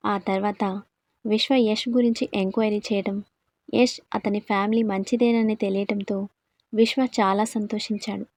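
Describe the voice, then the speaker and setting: A woman narrating a dramatic audio story in a steady, dramatic storytelling manner. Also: mid-range voice, moderate pace, dry recording. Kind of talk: scripted narration.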